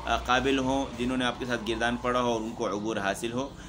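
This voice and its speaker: Brief: male recitation teacher, mid-pitched, calm step-by-step instruction, faint background hiss. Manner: steady explaining, frequent "theek hai" check-ins.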